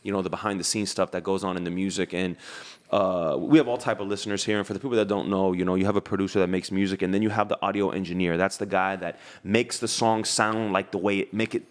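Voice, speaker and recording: A man's voice: low-pitched, steady tone, fast talker. A man in his thirties hosting a podcast, talking loose and hyped with lots of slang and restarts. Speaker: podcast host. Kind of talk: casual podcast chat.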